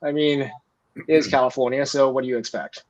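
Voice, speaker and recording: A man answers interview questions, explaining things in a measured way with plenty of small fillers. His pitch is middling, and his audio comes through a slightly dull, lo-fi remote connection. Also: fairly even intonation. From Singapore. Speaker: guest, company founder.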